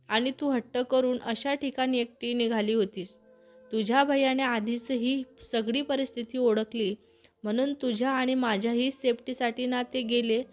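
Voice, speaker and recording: Caring young woman, gentle, soothing, patient as a woman reads her, high voice. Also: natural voice.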